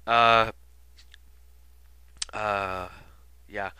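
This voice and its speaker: Sick with a stuffy nose, a video commentator rambles through a casual album retrospective, packing in fillers and asides. His lowish voice barely moves in pitch and goes extremely slowly, with a sharp, clear, resonant tone and no echo.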